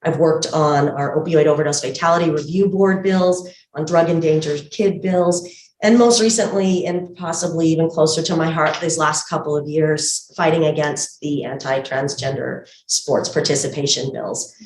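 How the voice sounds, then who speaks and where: A low-pitched woman talks through a face mask, slightly muffled, in an echoey room. She gives an earnest, conversational campaign speech, picked up from some distance. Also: fairly even intonation, normal speed, darkish tone. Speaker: political candidate and pediatrician. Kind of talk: campaign introduction speech at a community meeting. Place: indoor community meeting room. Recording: echoey room, far from mic.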